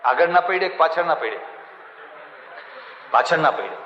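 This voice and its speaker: Guy preaching, tells stories n does the voices, kinda high voice, long echo, muffled. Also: lively intonation, moderate pace, fairly bright tone, a little hiss or hum. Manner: folksy, acts out quoted characters, laughs at his own jokes. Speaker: religious preacher. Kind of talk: storytelling sermon. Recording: echoey hall, dull sound.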